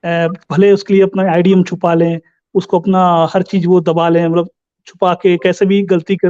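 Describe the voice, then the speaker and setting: A high-pitched man with a mellow tone argues as a caller in a heated debate. He hesitates and restarts, repeating phrases, and his voice comes through a muffled, lo-fi line. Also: dry recording.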